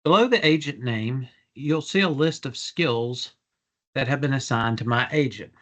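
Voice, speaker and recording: Male product demonstrator, average pitch, measured businesslike explainer delivery for a software walkthrough.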